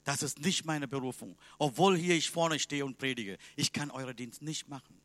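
A man preaching a sermon in a language that is not his first, emphatic and swinging between loud and quiet. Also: medium pitch, moderate pace, no room sound.

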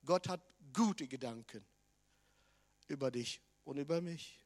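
Male preacher, high voice, emphatic church sermon. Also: a little slow. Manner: emphatic, swings from loud declarations to quiet asides.

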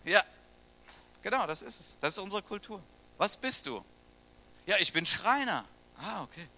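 Middle-aged German pastor, man, chatty sermon full of questions; bright, slightly high voice. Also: sing-song, normal speed. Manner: conversational, asks the congregation questions.

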